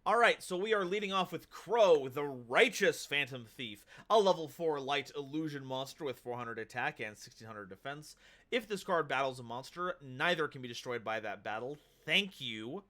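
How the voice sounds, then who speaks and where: A man's voice: mid-range voice, expressive, normal speed, pushed and bright. A man hosting a casual livestream, upbeat and hype, who reads card text aloud. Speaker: streamer host.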